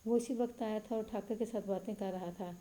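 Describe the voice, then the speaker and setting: A woman narrating a story in a steady, even reading voice. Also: poor audio. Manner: steady, even reading with little pitch movement.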